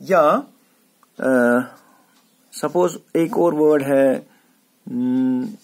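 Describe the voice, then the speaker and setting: A man giving a classroom lecture on letter sounds, explaining slowly and repeating words for emphasis. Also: medium pitch. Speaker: English teacher. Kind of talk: classroom lecture mixing Hindi and English.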